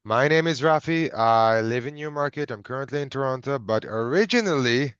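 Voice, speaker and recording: A man from Israel introduces himself on a group video call, his voice smooth and resonant. The sound is dry and a little dull, like a laptop mic. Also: mid-range voice, lively intonation, a little fast, a bit bright, no room sound. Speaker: participant.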